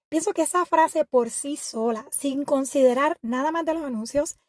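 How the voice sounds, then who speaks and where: A woman hosting an educational podcast, reading a scripted narration in a measured, reflective and explanatory way. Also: high-pitched, a little mellow, no echo, studio quality. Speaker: podcast host.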